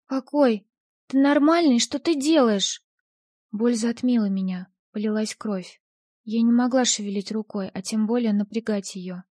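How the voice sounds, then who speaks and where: A woman's voice: mid-range voice, mellow, no echo, clean studio sound. A woman narrating a first-person audiobook story in a tense, dramatic way.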